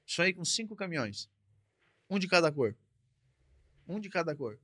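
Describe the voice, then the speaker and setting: A man's voice: fairly high pitch, big pitch swings, normal speed, bright, forceful tone, no echo. Man telling a trucking story plainly. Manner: repetitive, conversational, frequent tag questions. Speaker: truck driver guest. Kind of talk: casual storytelling. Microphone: podcast studio mic.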